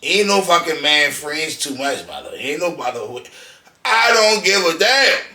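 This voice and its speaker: Guy on a podcast telling stories, cussing a lot, kinda high voice, sounds far from the mic. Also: very animated, a little slow, sharp tone. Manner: blunt, profane storytelling with acted-out quotes. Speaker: podcast guest, DJ. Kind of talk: casual interview chat. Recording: echoey room, off-mic.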